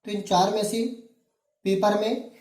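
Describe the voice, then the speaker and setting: An English teacher from Madhya Pradesh, India, speaks in a high, slightly mellow voice, flat and unhurried. In a classroom-style grammar lesson recorded in an echoey room, he poses questions, answers them himself, and repeats the key words.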